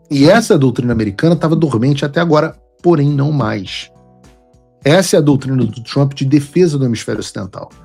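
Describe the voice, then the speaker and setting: A male host delivers political commentary in an emphatic, lecturing manner. His voice is somewhat husky and sits at a middle pitch. Faint music plays softly underneath.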